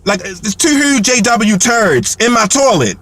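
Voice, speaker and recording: Brief: man, high voice, animated comic storyteller, lots of fillers and restarts. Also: a little slow, slight background noise. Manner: heavy fillers and repeated words; animated, laughs between lines. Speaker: comedian telling a story.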